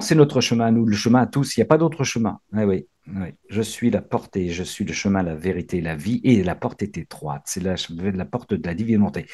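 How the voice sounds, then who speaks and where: A man's voice: mid-range voice, dark tone, slightly rough. A man leading a spiritual reading group, effusive, exclaiming often and stumbling into restarts as he talks. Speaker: prayer group leader.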